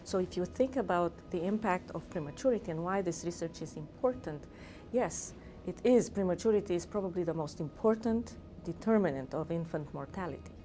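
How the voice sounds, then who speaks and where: A middle-aged woman from Romania speaks earnestly about her work as a physician and researcher. Her voice sits slightly low and has a mellow, warm tone. She pauses on fillers and restarts her phrases, and faint music plays behind her. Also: animated. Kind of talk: interview talk.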